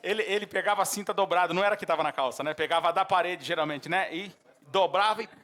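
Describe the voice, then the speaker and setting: A man with a Brazilian Portuguese accent preaches as a pastor, his high voice moving fast. He breaks into animated outbursts and acted-out shouts during the sermon.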